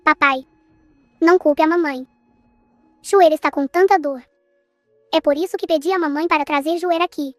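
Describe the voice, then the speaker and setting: Uma mulher fazendo uma filha doente de voz aguda. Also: female voice, high-pitched, normal speed, long pauses, dry recording, faint music behind, lightly acted. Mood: pleading. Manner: pleading, speaks of herself by name. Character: gravely ill young daughter, sweet, frail. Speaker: dubbing actress.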